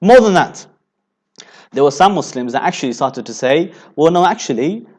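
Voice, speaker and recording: A man giving a religious lecture, building rhetorical points and filling pauses with "you know" as he repeats phrases. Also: medium pitch, lively intonation, darkish tone. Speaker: Islamic preacher.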